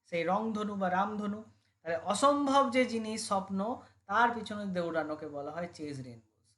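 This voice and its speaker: Bengali-accented woman, exam-prep tutor, slow, deliberate English readings, asks and answers her own questions. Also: mid-range voice, expressive, fairly bright tone. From India. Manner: explains slowly, reads English examples deliberately. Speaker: English teacher. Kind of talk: exam-prep idiom lesson.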